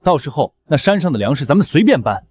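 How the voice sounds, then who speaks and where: A man's voice: fairly high pitch, sing-song, fast, darkish tone, husky. An actor playing a bitter, scheming young scholar who failed his exams, with a resentful, sneering way of speaking.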